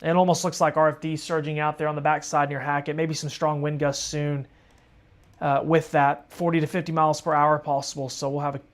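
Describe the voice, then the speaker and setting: A man's voice: a little high, flat delivery, brisk. A tired man hosting live weather coverage, chatting casually and calling viewers folks. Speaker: storm-tracking livestream host.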